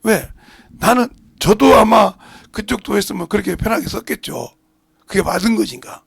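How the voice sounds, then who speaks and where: A middle-aged Korean pastor with a Jeolla accent, preaching a sermon and breaking into loud acted-out lines. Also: male voice, sits high, normal speed, no room sound, studio quality. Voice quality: gravelly. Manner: preaching with sudden shouts and acted-out dialogue.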